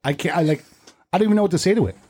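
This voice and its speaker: Man, podcast host, casual crude banter, somewhat high pitch. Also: very fast, dark tone, slightly rough. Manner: joking, crude.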